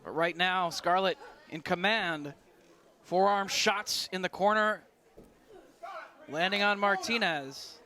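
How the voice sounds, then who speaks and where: A man calling live wrestling play-by-play, excited and clipped, often raising his voice to a shout. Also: high voice, slow, pauses often. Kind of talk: live sports commentary. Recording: loud crowd and noise behind. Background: wrestling crowd.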